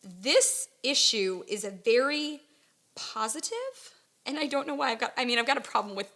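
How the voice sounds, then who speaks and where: A young woman co-hosting a casual comics chat, animated and giggly, often trailing off mid-thought. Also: a little high, moderate pace. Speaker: podcast co-host.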